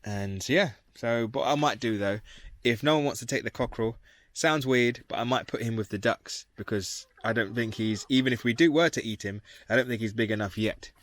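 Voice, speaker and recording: A man's voice: mid-range voice, fairly quick, dry recording. A man giving a rambling, casual vlog tour of his croft outdoors, talking to a handheld camera. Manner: chatty, rambling, self-correcting. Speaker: crofter vlogger. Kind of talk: casual vlog walk-around.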